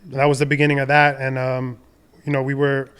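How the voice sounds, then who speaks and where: A young adult man from the Dominican Republic, a podcast guest telling his career story in a relaxed, rambling way with many fillers and restarts. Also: medium pitch, fast, clear, resonant tone. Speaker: podcast guest, designer and entrepreneur. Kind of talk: casual conversational storytelling.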